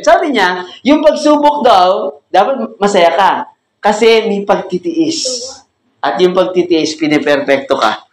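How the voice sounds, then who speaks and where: Male pastor, slightly high voice, chatty teaching with frequent laughs, echoey room recording. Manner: conversational, joking, laughs often, asks the group questions. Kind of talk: cell group Bible lesson. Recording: echoey room with faint ambient noise.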